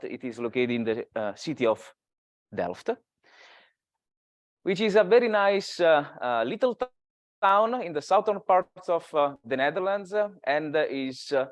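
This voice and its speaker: An Italian man in his thirties with an Italian accent gives an academic seminar talk as a guest speaker. His voice is on the high side and very animated at a moderate pace, though he's hesitant and uses many filler sounds. There's no room sound.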